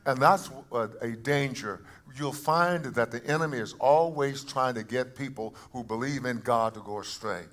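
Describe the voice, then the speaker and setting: A man preaching a sermon to a congregation, shifting between quiet asides and loud emphatic calls and often restarting his phrases. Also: mid-range voice, normal speed, hardly any pauses. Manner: repeats words and restarts phrases. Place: church service before a congregation.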